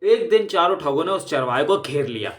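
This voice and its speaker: A man narrating an audio comic story in a steady, expressive storytelling manner. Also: on the high side, fairly quick.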